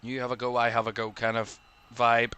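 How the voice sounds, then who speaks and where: Working as a football commentator, a young Northern Irish man gives live watchalong match commentary in bright, forward tones. His fast play-by-play leaps in pitch as attacks build, then eases back into steady, mid-pitched analysis between plays. The tone is clear and resonant, with the highs cut off.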